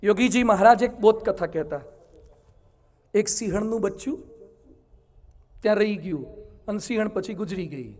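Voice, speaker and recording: Man monk, sermon, very high voice, emphatic storyteller. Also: moderate pace, pauses often, a little mellow.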